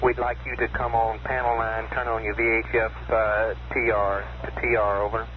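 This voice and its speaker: Even-toned man over a noisy radio. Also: lowish voice, moderate pace. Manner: clipped, procedural, calm. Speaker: mission control radio communicator. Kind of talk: procedural radio communication. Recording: noisy, muffled archival radio transmission.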